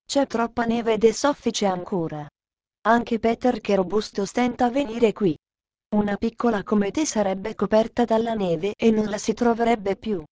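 A woman voicing a stern but kind old mountain grandfather in a storybook reading, speaking firmly and slowly. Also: medium pitch, warm tone, no room sound, close to an everyday voice.

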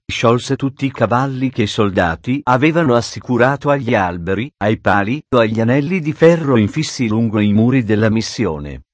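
A man narrating an adventure storybook in a steady, dramatic reading on a close studio microphone. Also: medium pitch, dry recording, highs cut off. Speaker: audiobook narrator.

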